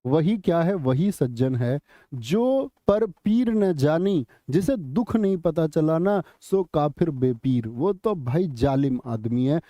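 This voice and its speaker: A man teaching an exam-prep class online, quizzing students with repeated questions and slowly chanting lines of poetry. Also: on the high side, animated, dark tone, dry recording. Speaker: Hindi teacher.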